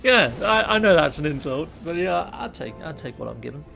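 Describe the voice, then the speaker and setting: With a sing-song lilt, a fairly quick pace and a slightly high, creaky voice that sounds pushed and bright, a British man in his thirties chats with viewers during a live game stream. He's jokey and self-deprecating. Faint music plays behind him, and he uses a USB mic on his laptop in a small home room.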